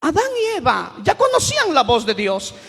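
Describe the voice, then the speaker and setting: A male pastor delivering a sermon, breaking into sudden shouts for emphasis. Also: very high voice, huge pitch swings, normal speed, creaky, long reverb tail.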